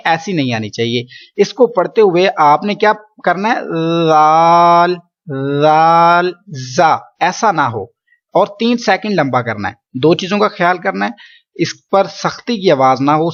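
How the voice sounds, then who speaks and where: A man teaching Quran letter pronunciation, patiently explaining and drawing each sound out slowly for students to repeat. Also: on the high side, lo-fi sound. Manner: slow drawn-out letter drills, patient explaining. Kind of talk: pronunciation lesson.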